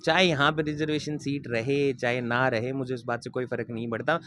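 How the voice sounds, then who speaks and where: A man's voice: mid-range voice, fairly even intonation, a little fast, a bit bright. Young man, earnest interviewee, emphatic and firm. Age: 20s. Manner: earnest and emphatic, repeats promises. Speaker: interviewee, local political candidate. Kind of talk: interview answers.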